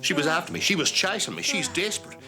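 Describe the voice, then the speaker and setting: An actor with an Australian accent playing a boastful Outback tour guide, matey and blustering in a TV comedy. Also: male voice, on the high side, very animated, fast talker. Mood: smug. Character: boastful, self-pitying Outback tour guide, brash bloke. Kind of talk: television comedy acting. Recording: loud music behind the voice.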